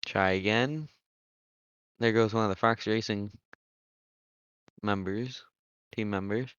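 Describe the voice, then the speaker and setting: Relaxed young man calling a race. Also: fairly low pitch, takes it slowly, smooth, no echo, muffled recording. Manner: relaxed, chatty, laughs often, thinks aloud. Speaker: race commentator and server admin. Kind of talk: casual live race commentary.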